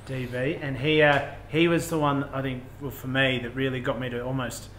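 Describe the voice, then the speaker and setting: A man's voice: medium pitch, level tone, normal speed, fairly bright tone. A man, chatting casually in an interview. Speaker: interviewer and former professional rugby player. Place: indoors in an empty bar. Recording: roomy, echoey sound with faint noise.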